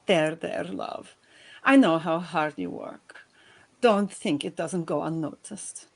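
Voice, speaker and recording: A man voicing a gentle, motherly female spider with a soft, silky voice and a heavy Russian accent. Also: high voice, a little slow, pitched above the performer's own voice. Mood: tender, affectionate.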